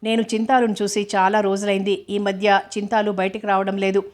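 Woman narrator for an audiobook novel: flat, level delivery, even pacing, unhurried storytelling. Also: medium pitch. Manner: steady, even storytelling read.

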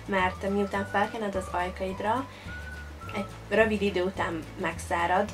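A young woman explains her makeup steps straight to the camera in a friendly, instructive tone. Her pitch sits in an ordinary middle range. Clear background music plays under her voice. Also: fairly even intonation. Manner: friendly, instructive, addressing viewers directly. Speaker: beauty vlogger. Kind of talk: makeup tutorial talk. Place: small bright indoor room.

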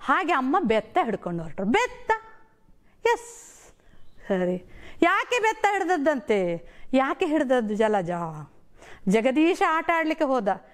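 A woman's voice: high voice, big pitch swings, slow, long pauses. A middle-aged woman teaching a primary school lesson on television, asking the children questions and explaining words in a sing-song storytelling way.

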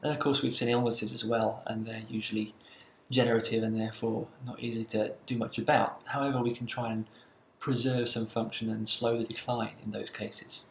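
A man giving a recorded university lecture, explaining in a measured way with occasional fillers. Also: on the low side, little pitch movement, roomy sound, slight background noise.

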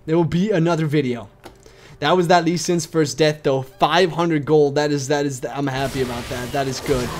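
A young man casually commentating his own game, excitable and whooping at big plays, chatting to his viewers as boys and dudes. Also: fairly high pitch, moderate pace, slight background noise. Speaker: gameplay commentator.

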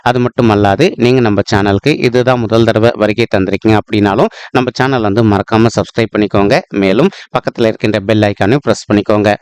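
A man's voice: fairly low pitch, a little mellow, smooth. A man hosting an astrology channel, giving a casual spoken forecast in a polite, repetitive way full of fillers and stock phrases, addressing viewers as friends.

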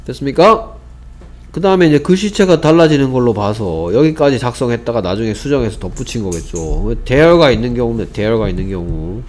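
Male English teacher, patient explainer, drills example sentences slowly and checks understanding often. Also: medium pitch, animated, a little mellow. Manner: asks rhetorical check questions, repeats example sentences slowly. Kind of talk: grammar lesson.

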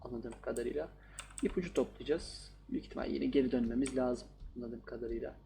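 A man's voice: medium pitch, quick pace, creaky, noisy background. A man playing a horror game and commenting casually, joking and talking back to the characters on screen. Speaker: gaming YouTuber.

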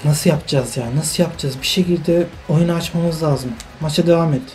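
A man's voice: on the high side, a little fast, music in the background, poor audio. A man commentating his own football video game as he plays, frustrated and grumbling, often repeating himself. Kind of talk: live gameplay commentary.

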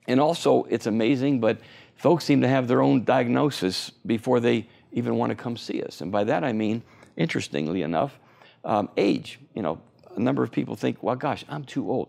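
A man in his sixties, an oral surgeon, is interviewed in a TV studio, explaining with enthusiasm and lots of filler words. His voice is medium-pitched, gravelly and slightly mellow.

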